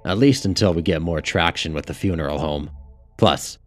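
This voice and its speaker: A man's voice: low voice, moderate pace, soft background music. A man voicing an earnest husband and family man in an audiobook.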